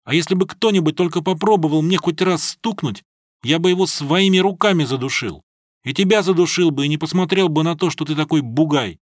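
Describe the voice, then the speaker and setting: A man voicing a gruff, drunken middle-aged male supervisor who talks bluntly and scornfully, in an audiobook. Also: on the high side, a little fast, no room sound, studio quality, close to an everyday voice.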